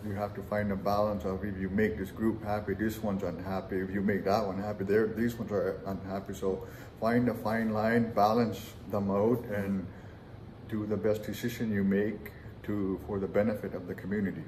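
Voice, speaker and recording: The mayor of Arviat, Nunavut, Canada, a man in his forties with an Inuit accent, answers interview questions conversationally in an indoor council chamber. His voice sits on the low side, level and a little mellow at normal speed, and the recording has a roomy echo with background noise.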